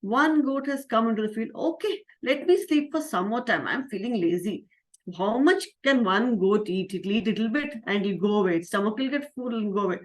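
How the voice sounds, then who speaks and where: Lady doing a sleepy whiny lazy kid, kinda high. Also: expressive, a little fast, lightly acted. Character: lazy young village boy, whiny and sleepy.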